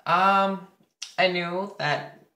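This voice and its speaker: Slow-talking teenage boy in an echoey room. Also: high-pitched, fairly even intonation, pushed and bright. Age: teens. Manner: candid, crude and chatty with many fillers. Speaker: vlogger. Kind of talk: casual vlog while getting ready.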